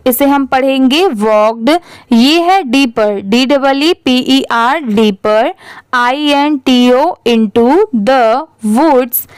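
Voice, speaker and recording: High-voiced woman teaching reading. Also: smooth, no room sound. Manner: spells words letter by letter, then asks and answers how to pronounce them. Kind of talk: spelling-out reading lesson.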